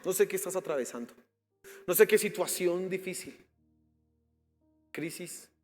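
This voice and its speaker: A man preaches with a high voice in a church sanctuary, his words trailing off into long reverberation. Soft music plays underneath as he moves from exhortation into passionate prayer. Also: measured pace. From Colombia. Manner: impassioned preaching with rising prayer. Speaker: pastor. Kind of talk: sermon.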